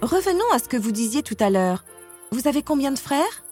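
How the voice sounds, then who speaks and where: A woman voicing an eager, impulsive young princess in a storybook reading, with a bright pleading delivery. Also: high voice, big pitch swings, fairly quick, breathy edge, voice pushed up, full character voice. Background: music.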